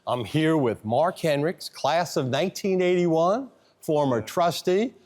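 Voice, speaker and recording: Formal male presenter, somewhat high voice, proud tone. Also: animated, measured pace, darkish tone. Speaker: foundation executive presenting. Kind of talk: on-location tour intro.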